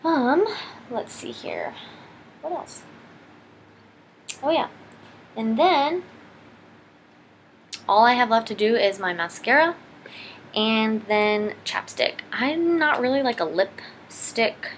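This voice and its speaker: Indoors in her living room, a young adult beauty vlogger rambles through a casual makeup tutorial, chatting informally and poking fun at herself as she works. Her fairly high voice is sing-song, and she takes it slowly, with long pauses. The home camera audio is noisy.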